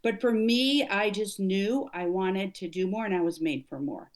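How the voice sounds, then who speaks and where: A middle-aged woman, by trade an executive coach, is interviewed in a conversational style. Her pitch is medium, her pace moderate, and her manner earnest and emphatic.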